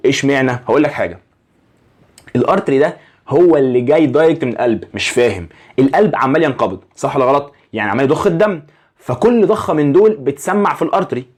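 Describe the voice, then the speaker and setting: A man's voice: fairly high pitch, a little mellow. A young man with an Egyptian Arabic accent teaching anatomy in a casual, conversational way, often asking the listener rhetorical questions to check they follow. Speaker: anatomy lecturer.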